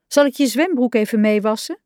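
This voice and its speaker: A woman's voice: on the high side, fairly quick, dark tone, no echo, clean studio sound, voice pushed up, close to an everyday voice. A woman voicing a busy, practical little pig, matter-of-fact and helpful.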